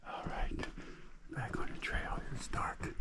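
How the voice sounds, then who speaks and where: Guy whispering quietly in a cave, breathy hushed vlog narration. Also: slow. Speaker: travel vlogger. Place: inside a large dim cave.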